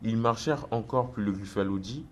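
A man narrating a children's storybook in a steady, measured way. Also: fairly low pitch, a crowd in the background. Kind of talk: storybook reading aloud.

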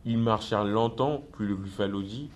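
Guy narrating a kids storybook, calm even tone, bit of hiss. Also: lowish voice, normal speed. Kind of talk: storybook reading aloud.

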